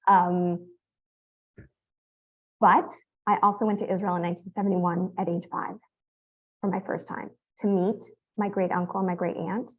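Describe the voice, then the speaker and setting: A woman's voice: fairly low pitch, flat delivery, moderate pace, long pauses, muffled recording. A woman in her fifties from California, an author telling family stories in a conversational interview, rambling with fillers and restarts. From San Francisco Bay Area, California. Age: 50s. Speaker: author guest.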